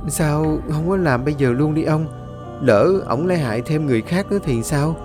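A man's voice: fairly high pitch, normal speed, over music, pitched above the performer's own voice, natural voice. A man voicing an anxious young village woman who questions and pleads urgently in a horror audiobook.

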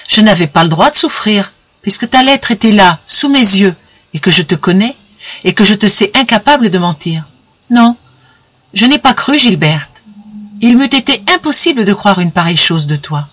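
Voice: medium pitch, animated, moderate pace, fairly bright tone. A reader voicing a shaken husband in a storybook reading, a man who stammers as he is overcome with relief. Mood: tender. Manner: stammering, breathless.

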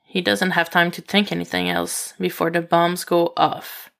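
A woman reading fan fiction aloud as steady, even narration. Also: lowish voice, normal speed, vocal fry. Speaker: reader.

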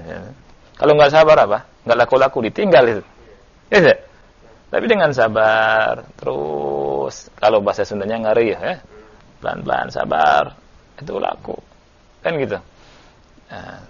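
A man's voice: medium pitch, gravelly. A man, a religious teacher, giving a conversational study lesson and answering questions. He tells stories and often uses tag questions and fillers. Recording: dull lo-fi recording.

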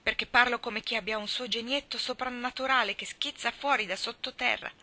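A woman's voice: fairly even intonation, brisk. A woman voicing Mally, a desperate pleading girl. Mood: fervent. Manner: high, loud, pleading outbursts. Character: desperate young woman, tearful and fervent.

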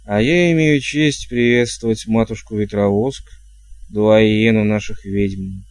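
A man's voice: on the low side, steady tone, unhurried, a little mellow, no room sound, lightly acted. A man voicing a courtly, ceremonious ghost king. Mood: formal. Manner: flowery, ceremonious speech.

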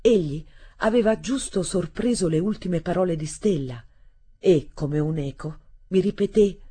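A woman reading a literary novel aloud in a measured, expressive way. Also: on the low side, breathy edge. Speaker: audiobook reader. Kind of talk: literary audiobook narration.

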